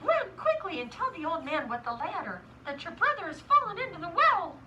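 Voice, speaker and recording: A woman's voice: extremely high pitch, big pitch swings, brisk, far from the mic, muffled recording, heavy background noise. A woman voicing a stern, imperious storybook mother who speaks formally and draws out her words. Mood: alarmed. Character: stern, grand, impatient storybook mother of sons.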